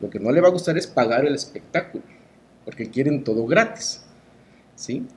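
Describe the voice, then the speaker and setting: A man's voice: medium pitch, lively intonation, moderate pace. A middle-aged man with a Mexican accent giving opinions in an interview as a cultural promoter, speaking emphatically and rhetorically with frequent tag questions.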